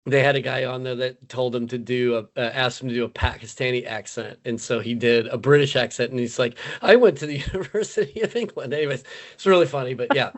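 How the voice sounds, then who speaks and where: A man's voice: medium pitch, steady tone, quick pace. A man hosting a casual podcast film review, loose and filler-heavy, laughing easily. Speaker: podcast host.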